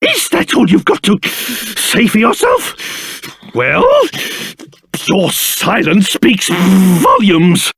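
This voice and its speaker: A man voicing a pompous, excitable old cursed king in a video game, with a British accent and a theatrical manner that swings between grumbling and shrill outbursts. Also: slow, no room sound, full character voice. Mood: livid, huffy. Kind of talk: video game character voice acting.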